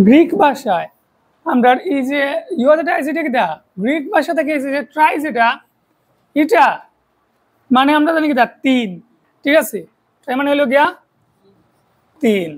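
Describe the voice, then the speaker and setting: A woman's voice: sits high, normal speed, long pauses, low-quality recording. A woman with a Sylheti accent teaching a math lesson for an online video, explaining step by step and often checking in with rhetorical questions.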